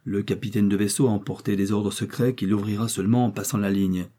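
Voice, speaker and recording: A man's voice: fairly low pitch, steady tone, fast talker, dark tone, lightly acted. A man voicing a vindictive revolutionary official who speaks in a dry, incisive, self-righteous way. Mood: cold.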